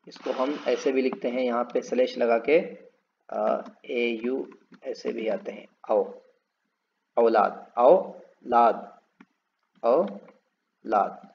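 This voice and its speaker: Male English teacher, slow and gravelly, drags each word out, dull lo-fi recording. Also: medium pitch, a little hiss or hum. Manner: repeats words slowly and drawn out, explaining spellings. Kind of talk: spoken English lesson.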